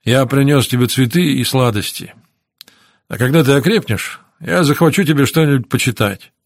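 Man playing a kind, steady male friend, gentle warm delivery, audiobook dialogue, dry sound. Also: mid-range voice, moderate pace, creaky, no room sound. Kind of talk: audiobook character reading.

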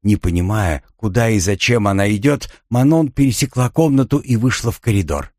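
Low male audiobook narrator, measured and even, dry close recording. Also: no echo. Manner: measured, even storytelling delivery.

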